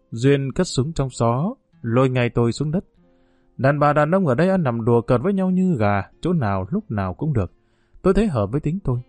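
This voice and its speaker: A man narrating a novel in a steady, unhurried storytelling manner. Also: medium pitch, no room sound. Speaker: audiobook narrator.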